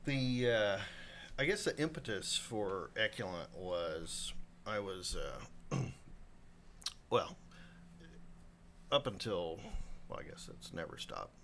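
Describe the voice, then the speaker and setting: Low-voiced rambling chef in his fifties. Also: slow, long pauses, a little hiss or hum. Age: 50s. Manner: rambling, self-interrupting, animated quoting. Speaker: guest chef. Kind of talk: casual interview storytelling. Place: live podcast room.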